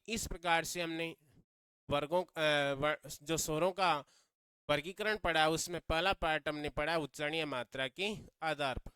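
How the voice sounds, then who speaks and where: A man's voice: a little high, bright, forceful tone, clean tone, no room sound. A man teaching a grammar lesson, repeating key phrases and quizzing his students as he goes.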